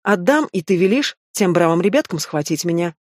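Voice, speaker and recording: A woman's voice: fairly low pitch, expressive, fairly quick, darkish tone, no echo, clean studio sound. The audiobook reader voicing a sly, playful young female thief who teases, argues and pleads. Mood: teasing. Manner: teasing and coy, then pleading.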